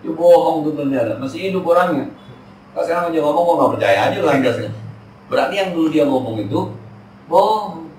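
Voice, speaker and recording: This 40s-aged Islamic teacher's fairly high, darkish voice moves quickly with lively intonation as he delivers a chatty, jokey study talk in slangy Jakarta style. Captured from afar in an echoey mosque hall, there's slight background noise.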